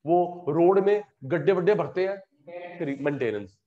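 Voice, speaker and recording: A high-voiced man teaches an online economics class and keeps firing quick questions at his students. He scolds and teases them bluntly. The audio is dull and lo-fi, like an online class. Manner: drills students with rapid call-and-response questions. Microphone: earphone in one ear, online class.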